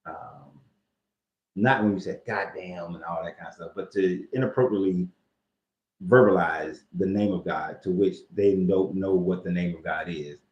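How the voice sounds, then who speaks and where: A man's voice: sits low, normal speed. Joking, slangy man in an echoey room. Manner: loose and joking, with slang and cursing. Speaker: host. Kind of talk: casual commentary on scripture. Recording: echoey, dull lo-fi room sound.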